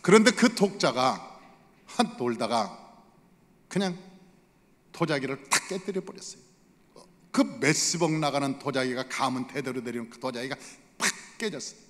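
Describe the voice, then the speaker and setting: A man's voice: medium pitch, lively intonation, normal speed, long pauses, fairly bright tone, long reverb tail. A male pastor preaching a Sunday sermon in a church sanctuary, emphatic and full of rhetorical questions to the congregation.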